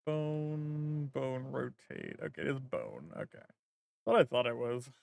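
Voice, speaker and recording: A man's voice: medium pitch, big pitch swings, a little slow, vocal fry, smooth, no echo, clean studio sound. A man streaming as a vtuber, chatting casually and thinking aloud while he works, rambling with lots of fillers.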